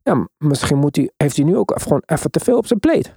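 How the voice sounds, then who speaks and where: A man's voice: fairly high pitch, big pitch swings, quick pace, dark tone, breathy edge, no room sound, studio quality. A man in a casual, emphatic sports discussion, mixing in English slang as he hosts. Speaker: podcast host.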